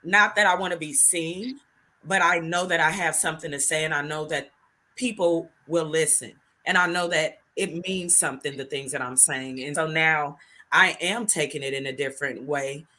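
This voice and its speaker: Middle-aged woman hosting a heartfelt chat, bright voice, earnest, gets teary. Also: sits low, fairly even intonation, normal speed. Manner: earnest, reflective, laughs and tears up. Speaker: host and show creator. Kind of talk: emotional heartfelt conversation.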